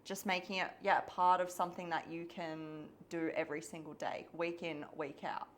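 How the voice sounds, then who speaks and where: A woman's voice: lowish voice, little pitch movement, normal speed, a little hiss or hum. A woman co-hosting a fitness podcast in a casual chat, laughing easily and prompting her partner with questions. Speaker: podcast co-host, fitness trainer.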